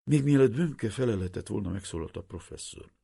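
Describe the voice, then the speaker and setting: A man reading a novel aloud as an audiobook, with measured, dramatic storytelling. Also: on the low side, expressive, vocal fry, warm tone, breathy edge, no room sound, studio quality. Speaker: audiobook narrator.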